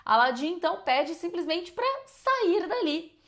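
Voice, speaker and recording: A woman telling a fairy tale in a casual, animated way, full of rhetorical questions. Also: very high-pitched, a little slow. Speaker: storyteller. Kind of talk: casual storytelling.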